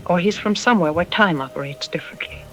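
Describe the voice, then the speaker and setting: In an apocalyptic audio drama staged as a news interview, a man voices a troubled archaeology expert. His high, slightly bright voice is grave and deliberate, broken by ominous pauses, with a solemn mood and faint music in the background.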